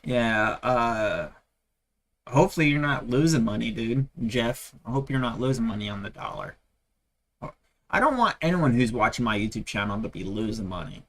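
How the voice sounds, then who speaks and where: This is a man from Texas, USA, running a livestream and rambling through anecdotes and side remarks in a casual chat. His mid-range voice has a fairly bright tone and a moderate pace.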